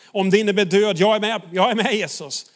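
A man's voice: sits high, lightly acted. A man preaching, voicing the disciple Peter with earnest, pleading lines in a sermon retelling. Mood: pledging.

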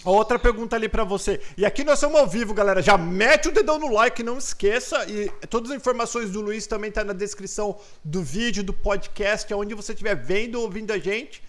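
High-voiced joking Brazilian host. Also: male voice, a bit bright. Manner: jokey, slangy banter. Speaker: podcast host. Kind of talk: live podcast interview.

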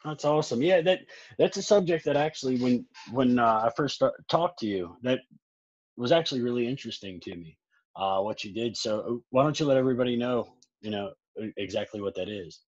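A man's voice: mid-range voice, animated, fairly quick, a little mellow, slightly rough, no room sound, highs cut off. A male podcast host who introduces his guest and chats in a laid-back, encouraging way. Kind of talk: casual interview chat.

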